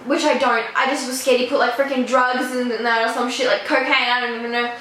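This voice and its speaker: Teenage woman, high bright voice, chatty casual storytelling, echoey room. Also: fast, slight background noise. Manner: chatty, animated, swears casually. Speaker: vlogger.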